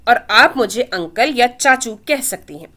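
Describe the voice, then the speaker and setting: Playful young male pilot, voiced by a woman, affectionate, bright tone. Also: on the high side, lively intonation, a little slow, heavily acted. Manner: teasing, affectionate.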